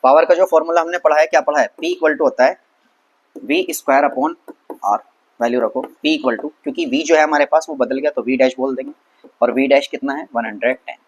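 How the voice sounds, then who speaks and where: Sounding like a friendly tutor working through a problem on a board, a man with a slightly higher, steady voice teaches a school science lesson conversationally. He keeps asking himself questions and answering them, sprinkling in English terms and slowing down whenever he reads English text.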